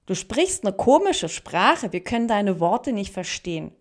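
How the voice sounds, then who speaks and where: A woman voicing a group of teasing water plants that sound high and boastful. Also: sing-song, a little slow. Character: mocking, giggling water plants.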